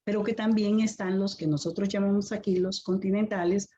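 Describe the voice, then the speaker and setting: A woman with a Colombian Caribbean Spanish accent giving a semi-formal academic presentation as an educator, in a halting, explanatory way. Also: mid-range voice, fairly even intonation, dark tone, a little hiss or hum. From Colombian Caribbean islands. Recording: dull lo-fi audio.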